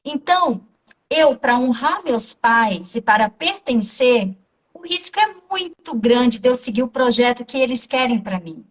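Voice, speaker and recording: Woman, Brazilian accent, therapist in an interview, fairly high voice, animated storytelling, acts out dialogue. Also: unhurried, recorded from a distance, rough recording.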